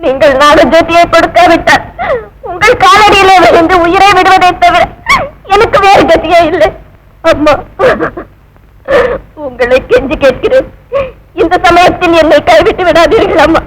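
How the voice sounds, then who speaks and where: A desperate, imploring young wife. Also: female voice, extremely high pitch, normal speed, long pauses, slight background noise, low-quality recording. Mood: pleading. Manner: impassioned, imploring, tearful. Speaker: pleading young wife and mother. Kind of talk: 1950s film melodrama acting. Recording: old film soundtrack with loud music.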